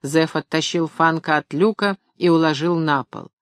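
A man's voice: fairly high pitch, moderate pace, smooth, no room sound. Man narrating an audiobook, dry sound. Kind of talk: scripted narration.

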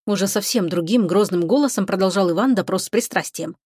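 A woman reading scripted narration for an audiobook, in an even, expressive manner. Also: medium pitch, fairly quick, slightly rough, dry recording, clean studio sound.

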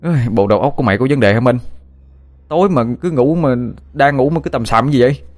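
A man's voice: on the low side, fast, close to an everyday voice. Kha, a man doing a blunt student. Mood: grumpy. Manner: blunt, dismissive. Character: blunt, grumpy young male student friend. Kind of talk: audiobook character voice.

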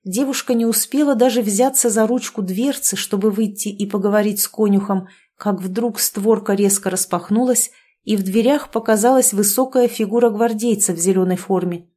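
Casting: woman, audiobook narrator, expressive scripted reading, mid-range voice. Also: medium pitch, moderate pace. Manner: expressive reading, acting out dialogue.

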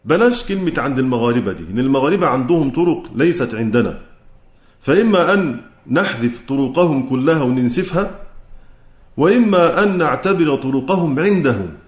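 A man with an Egyptian Arabic accent teaching the rules of Quran recitation, asking questions and answering them himself, chanting the quoted verses slowly. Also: mid-range voice, animated, reverberant.

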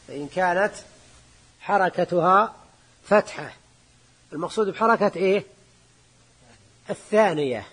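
A man teaching an Arabic grammar class as sheikh, explaining the text patiently, repeating key words slowly and checking on his students with short questions. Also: high-pitched, husky.

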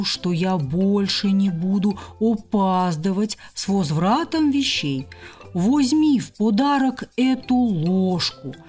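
A woman voicing a clumsy young male bear cub who slowly and pleadingly apologizes. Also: mid-range voice, darkish tone.

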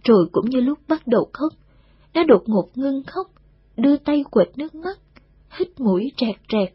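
Audiobook narrator: woman, steady storytelling, breathy and husky, dry muffled recording. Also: high-pitched, normal speed, no room sound. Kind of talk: audiobook reading of a war novel.

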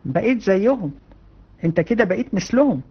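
A woman with an Egyptian Arabic accent giving a religion lesson to women, animated and colloquial, with many rhetorical questions. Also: mid-range voice, brisk, slightly rough, lo-fi sound. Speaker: religion teacher. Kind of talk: lecture to women students.

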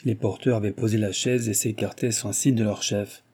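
Husky, dark-voiced male narrator. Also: lowish voice, normal speed. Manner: steady, even storytelling. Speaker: audiobook narrator. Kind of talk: scripted narration of a novel.

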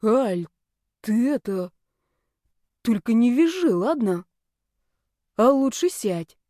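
A woman's voice: fairly high pitch, sing-song, slow pace, dark tone, no echo. Woman voicing brash young guy, coaxing, teasing, dry close sound, audiobook.

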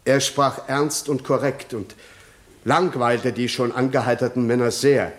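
An actor playing a witness who gives calm, matter-of-fact testimony in a 1960s radio drama. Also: male voice, medium pitch, close to an everyday voice. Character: calm male witness giving sworn testimony.

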